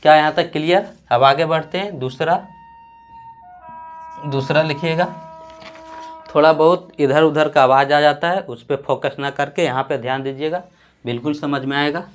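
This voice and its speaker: A man from Bihar teaching a grammar lesson, repeating words slowly for students to write down and answering his own questions. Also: fairly high pitch, soft background music. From Bihar, India.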